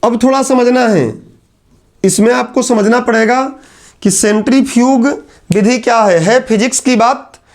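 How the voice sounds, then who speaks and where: A very high-voiced male teacher lectures his class at the whiteboard, chatting with students and teasing them in asides. Key terms get repeated slowly.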